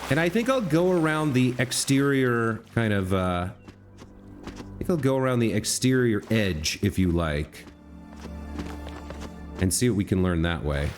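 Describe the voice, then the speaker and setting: A man's voice: medium pitch, measured pace, long pauses, soft background music. A man giving casual let's play commentary, musing and thinking aloud as he goes. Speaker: gamer commentator.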